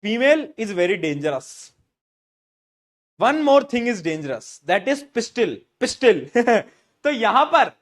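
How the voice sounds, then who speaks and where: A man's voice: sits high, fairly bright tone. A man teaching a live online science class, joking with his students and answering his own quiz questions. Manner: playful, joking, quizzing students and answering himself.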